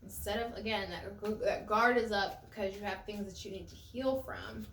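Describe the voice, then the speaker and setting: A woman's voice: mid-range voice, moderate pace, slight background noise. Woman, tarot reader, conversational, repeats phrases, echoey room, distant mic. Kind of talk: casual spiritual tarot reading.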